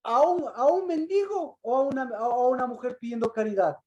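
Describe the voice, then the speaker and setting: High-voiced woman preaching to a congregation. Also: animated, brisk, warm tone, lo-fi sound. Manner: asks the congregation repeated questions; acts out quoted voices with rising emphasis. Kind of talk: interactive sermon.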